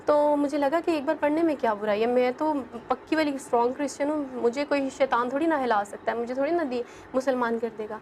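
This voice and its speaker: Young woman from pakistan telling her story in an interview, high voice, earnest, keeps saying believe me. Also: few pauses, darkish tone, slight background noise. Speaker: guest. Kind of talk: personal testimony in an interview.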